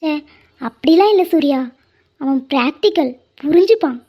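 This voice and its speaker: A woman's voice: high-pitched, lively intonation, normal speed. A woman voicing a chatty, curious young bride who teases in a bubbly way. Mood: earnest. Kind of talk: Tamil cartoon voice acting. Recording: muffled lo-fi audio.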